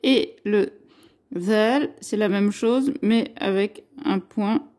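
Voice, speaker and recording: A woman teaching a beginners' class on writing letters, speaking in a slow, patient way and spelling out each sound. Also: mid-range voice, dark tone. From France. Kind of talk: Arabic alphabet lesson.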